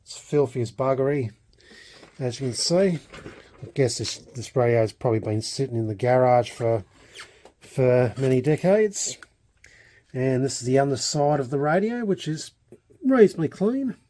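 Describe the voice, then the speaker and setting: Speaking at a moderate pace with lively intonation, this Australian man's mid-range voice has a warm tone. He's a hobbyist vlogger doing an unscripted show-and-tell, and his delivery is hesitant and wandering, with thoughts that trail away.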